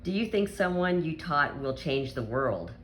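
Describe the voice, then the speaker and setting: Lively-voiced student interviewer. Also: medium pitch, measured pace, a little hiss or hum. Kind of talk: reading interview questions.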